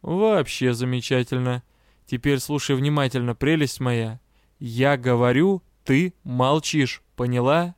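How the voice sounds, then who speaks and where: A man's voice: mid-range voice, a little slow, clear, resonant tone, no echo, natural voice. A man voicing a sardonic male lord and master of death magic with a dry, mocking manner.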